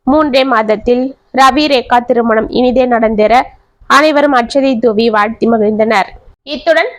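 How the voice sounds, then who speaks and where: A woman's voice: on the high side, unhurried, no echo. A woman reading a family story aloud and voicing every character herself, with feeling.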